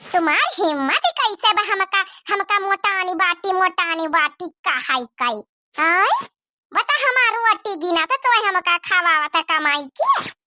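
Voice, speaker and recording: Bossy cartoon mother-in-law with a thick awadhi accent, squeaky high and sharp. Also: very animated, measured pace, dry recording, heavily acted. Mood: indignant. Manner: indignant, scolding. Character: plump bossy mother-in-law, touchy and quarrelsome. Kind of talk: cartoon dubbing.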